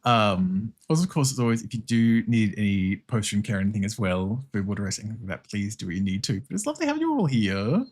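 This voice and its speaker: Australian male streamer, lowish voice, casual. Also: fairly even intonation, fast talker, hardly any pauses. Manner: casual, swearing, giggly, welcoming to viewers. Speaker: streamer and artist. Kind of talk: casual livestream chat while drawing.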